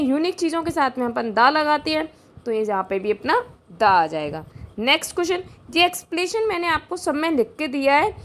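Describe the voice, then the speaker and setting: A high-voiced woman teaching an exam-prep grammar lesson into a close mic. She explains each rule step by step, asks rhetorical questions and answers them herself. She repeats key points and stretches out the example sentences as she reads them. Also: fairly bright tone.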